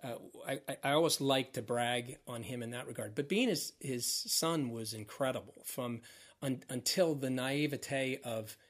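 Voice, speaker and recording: A middle-aged man, a former mascot performer, chatting as a podcast guest, telling animated stories with frequent laughs and restarts. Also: medium pitch, normal speed. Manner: animated storyteller, laughs often, restarts words. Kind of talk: casual interview chat.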